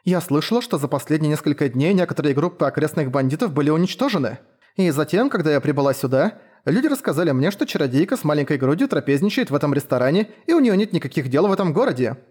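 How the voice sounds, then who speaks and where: A man raises his voice into a gentle young noblewoman priestess for a fantasy audiobook, very polite and formal. Her speech climbs high and swings wildly as she panics. She stays ceremonious even when upset. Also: fast, breathy edge.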